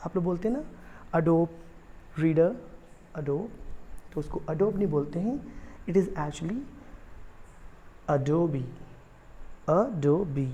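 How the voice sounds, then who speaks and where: Indian man, online language tutor, mellow tone, switches between Hindi and English, drills words by repeating them. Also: high voice, slight background noise. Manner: explanatory, repeats each word slowly for emphasis; mixes Hindi and English freely. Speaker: English pronunciation teacher. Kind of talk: online video lesson.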